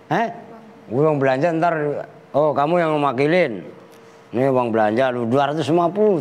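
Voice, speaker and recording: In a reverberant hall with faint background noise, a man whose voice is on the high side and a little mellow jokes with his students as he teaches Arabic grammar. He is a kyai speaking with a Betawi Jakarta Malay accent, keeping the classroom lesson relaxed, slangy, and full of teasing.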